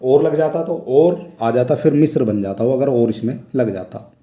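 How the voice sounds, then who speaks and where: Dark-voiced Hindi tutor in echoey room. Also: male voice, medium pitch, lively intonation, normal speed. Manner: explains step by step, repeats each question aloud. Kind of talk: exam question walkthrough lesson.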